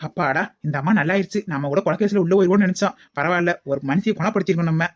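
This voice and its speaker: A woman's voice: on the low side, rapid-fire, no room sound. A woman plays a brash, boastful guest in a comic skit. She rattles her lines off at a breakneck pace. The recording sounds dull and muffled. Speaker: guest relative.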